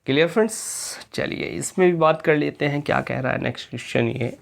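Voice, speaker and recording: A male teacher giving an exam-prep lecture, reading English definitions slowly and often asking the students if it is clear. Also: fairly high pitch. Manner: slow, drawn-out reading of English definitions, quizzing questions to students; repeatedly asks "clear friends?".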